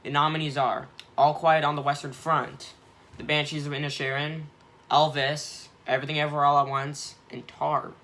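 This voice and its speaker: A man's voice: a little high, little pitch movement, normal speed, pushed and bright, slight background noise. A young man hosting a casual vlog, giving rambling, self-correcting opinions on award nominations. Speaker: film awards vlogger.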